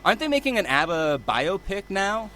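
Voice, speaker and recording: A man co-hosting a casual podcast, quick with wisecracks and asides. His voice sits a bit high and swings widely in pitch. Its tone is bright and forward. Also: very animated. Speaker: podcast co-host. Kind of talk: casual chat.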